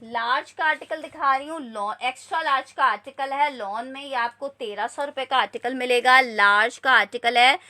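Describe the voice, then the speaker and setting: Bright, high-voiced woman selling live. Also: normal speed, hardly any pauses. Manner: repetitive selling patter, repeating prices and sizes. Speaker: live online clothing seller. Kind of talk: live sales presentation with casual chat to viewers.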